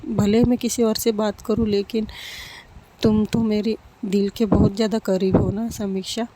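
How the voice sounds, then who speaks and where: A woman's voice: mid-range voice, level tone, normal speed, very noisy, natural voice. A woman voicing a heartbroken young woman, clingy and tearful, in a spoken love story. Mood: pleading. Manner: pleading.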